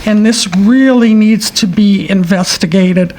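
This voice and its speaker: A woman giving a podium speech as a public commenter, speaking in a halting, plain-spoken and earnest way. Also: medium pitch, darkish tone. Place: council meeting room. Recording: faint room noise at public meeting.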